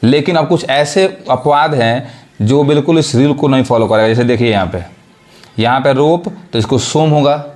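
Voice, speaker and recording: A man's voice: mid-range voice, normal speed, a little mellow. A man teaching an English pronunciation lesson, who spells words out letter by letter and keeps asking whether his students follow. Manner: repeats check questions, spells words letter by letter. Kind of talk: spoken classroom lesson.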